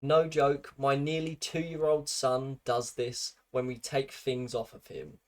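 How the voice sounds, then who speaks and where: A man's voice: medium pitch, steady tone, slow pace. A British man narrating a commentary video in a dry, mocking way, with scripted sardonic remarks.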